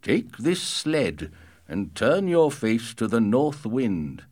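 A man's voice: medium pitch, sing-song, slow pace, a little mellow. A man playing an anxious old nomad father. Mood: earnest.

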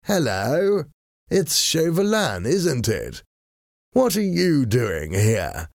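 A man voicing a smug, languid English gentleman hero who speaks with bored, mocking politeness. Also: fairly high pitch, sing-song, slow, vocal fry, no room sound, studio quality, pitched above the performer's own voice, heavily acted. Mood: languid, teasing.

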